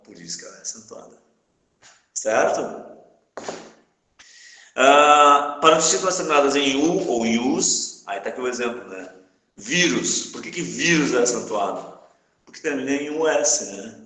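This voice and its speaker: A male teacher gives a lesson in a classroom with plenty of room echo. His pitch sits in a medium range. He pauses again and again to check that his students are following. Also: fairly bright tone. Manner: checks in often with the class, asking "tá?". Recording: echoey room.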